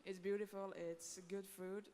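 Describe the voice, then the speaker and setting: A young chef from northern Norway at a cooking event, giving plain, brief answers. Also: female voice, mid-range voice, level tone, unhurried, warm tone. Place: large convention hall. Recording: hall reverb, faint ambience.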